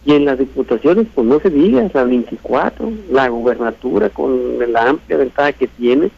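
Male political commentator, northern Mexican Sinaloa accent, deliberate and emphatic through repetition, mid pitch, muffled lo-fi radio. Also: expressive, creaky, breathy edge. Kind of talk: live election commentary. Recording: dull, lo-fi radio sound.

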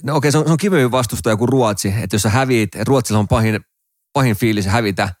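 A man chatting casually on a podcast, easygoing and agreeable, often stumbling over restarts. His pitch is mid-range. The recording is dry and close. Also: no echo. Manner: agreeable, frequent "joo" backchannels, stammers on restarts. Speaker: podcast co-host. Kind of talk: casual chat.

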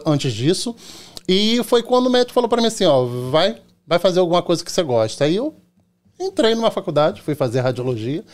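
A man's voice: sits high, a little mellow. A middle-aged man from Rio de Janeiro with a Carioca accent, a podcast guest telling chatty anecdotes and acting out the dialogue. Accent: Carioca Portuguese. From Rio de Janeiro, Brazil. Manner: chatty, tells anecdotes acting out quoted dialogue, often tags "entendeu?". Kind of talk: casual storytelling in a podcast chat.

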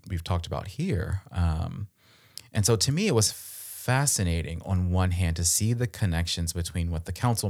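Man, very low voice, podcast co-host, earnest and reflective, lots of restarts and fillers. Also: a little mellow. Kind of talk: casual conversational discussion.

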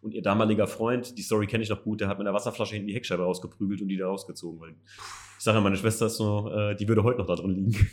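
A man's voice: fairly low pitch, steady tone. A man chatting enthusiastically and casually about cars as host of a podcast. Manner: fast, enthusiastic car talk. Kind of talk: casual chat.

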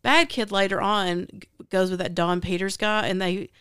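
A woman's voice: medium pitch, fairly even intonation, normal speed, a bit bright, smooth, no echo, clean studio sound. A woman with a Southern US accent hosting a casual book chat, retelling a story in a rambling way with many fillers. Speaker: podcast host.

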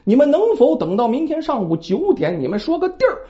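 A woman's voice: high-pitched, sing-song, a little fast, dark tone, highs cut off. A woman voicing a male kidnapper boss who bargains and pleads for his son. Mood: pleading. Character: scheming male kidnapper boss, desperate father.

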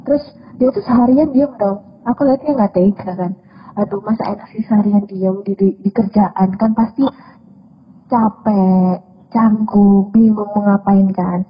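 A woman's voice: medium pitch, unhurried, husky. A young woman with an East Javanese accent, chatting casually and telling a story full of quoted dialogue. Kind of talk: casual chat. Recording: dull lo-fi sound, faint noise.

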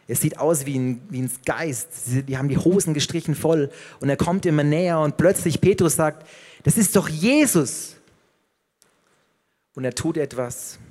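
A man's voice: fairly high pitch, a little mellow. Dramatic storytelling male preacher. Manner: dramatic, drops to near-whisper at key moments. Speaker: pastor. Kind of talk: sermon storytelling.

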